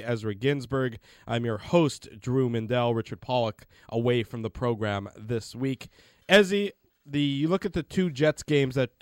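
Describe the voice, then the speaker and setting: A man's voice: mid-range voice, clean tone, no room sound, studio quality. A man hosting a conversational sports talk radio show. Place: radio studio.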